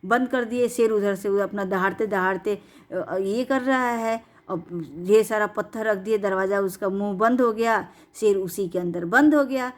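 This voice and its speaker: A woman's voice: medium pitch, normal speed. A woman narrating a bedtime story in a casual, chatty way, with restarts and explanatory asides.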